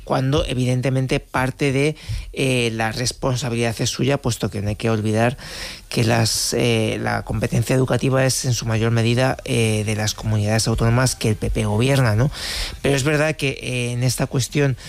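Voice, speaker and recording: A man commenting on politics in a measured, analytical way on a radio talk show. His voice sounds dry and close, with no room echo. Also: mid-range voice, fairly even intonation, gravelly.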